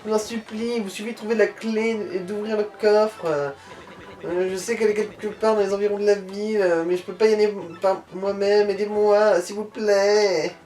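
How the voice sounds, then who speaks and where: A woman's voice: medium pitch, fairly even intonation, normal speed, dark tone, lightly acted. A woman voicing a polite female prisoner in a video game, pleading and a little hesitant as she reads. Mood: imploring. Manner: imploring, hesitant read-aloud dialogue. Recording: roomy, distant mic, game music behind.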